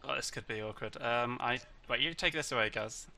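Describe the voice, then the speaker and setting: Fast-talking, tired esports caster. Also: male voice, medium pitch, gravelly, sharp tone, a little hiss or hum. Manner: chatty, rambling, jokey asides to chat. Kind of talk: casual live-stream commentary. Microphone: headset mic with voice activation.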